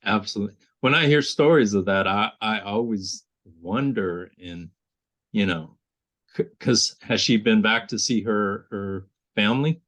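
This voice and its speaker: Low-voiced man asking curious questions. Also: unhurried, a bit bright. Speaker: interview host. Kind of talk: conversational interview.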